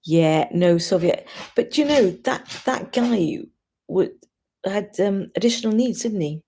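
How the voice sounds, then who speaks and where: Husky, gravelly woman chatting on a livestream. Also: mid-range voice, lively intonation, measured pace, dark tone. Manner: informal, opinionated, thinking aloud. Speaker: livestream host. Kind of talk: casual chat to live commenters.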